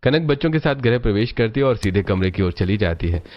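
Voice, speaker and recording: A man narrating a cartoon family story in a steady, even storytelling manner. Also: fairly low pitch, a little fast, muffled recording. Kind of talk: scripted narration.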